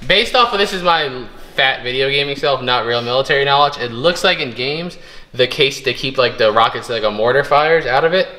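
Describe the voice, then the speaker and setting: A man's voice: medium pitch, fairly quick, sharp tone. Chatty young man rummaging a storage unit. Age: young adult. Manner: chatty, joking, thinking aloud while rummaging. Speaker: storage unit treasure hunter. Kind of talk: casual vlog narration. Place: indoor metal storage unit.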